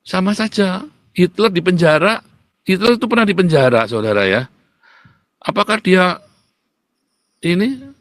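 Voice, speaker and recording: A man preaching a sermon in an animated, boastful and scolding way. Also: high voice, a little slow, long pauses, no room sound, studio quality. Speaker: pastor.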